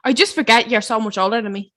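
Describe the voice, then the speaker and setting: A woman in her twenties co-hosts a podcast over a video call, reminiscing in an animated way and laughing easily. Her voice sits a little higher than most women's. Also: fast, dry recording, studio quality. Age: 20s. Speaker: podcast co-host. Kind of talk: casual chat.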